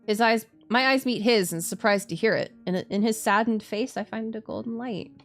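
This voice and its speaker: A woman streamer reading a visual novel aloud and reacting casually, candid and expressive. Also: a little high, normal speed, faint music behind.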